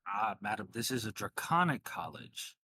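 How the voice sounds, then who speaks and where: A man's voice: on the low side, sing-song, moderate pace, pushed and bright, husky, no room sound, exaggerated voice. A man voicing a rambling, hesitant professor with a formal, polite manner in a tabletop game. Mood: hesitant, explaining. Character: rambling, polite male professor at a draconic college.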